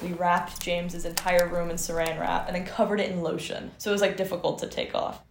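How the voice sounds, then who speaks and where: A young woman student casually telling a lively anecdote, laughing as she goes. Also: lowish voice, a little fast, vocal fry, echoey room. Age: young adult. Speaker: interviewed student. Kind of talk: casual storytelling.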